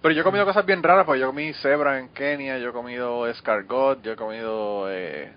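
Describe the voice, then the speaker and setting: A man's voice: medium pitch, a little fast, lo-fi sound. A man with a Puerto Rican Spanish accent, co-hosting a casual chat and telling loose stories with casual swearing. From Puerto Rico.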